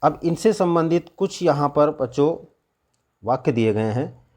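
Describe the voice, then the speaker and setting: A male school teacher giving a lesson, reading Sanskrit phrases aloud and explaining each one slowly to his students. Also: on the high side, lively intonation, darkish tone. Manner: addresses students as children, repeats "ठीक है". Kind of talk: classroom lesson explaining Sanskrit verses in Hindi.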